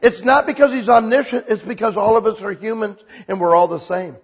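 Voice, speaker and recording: A man preaching a sermon in a church hall, animated and casual, mixing jokes into his message. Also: sits high, brisk, breathy edge, highs cut off. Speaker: pastor.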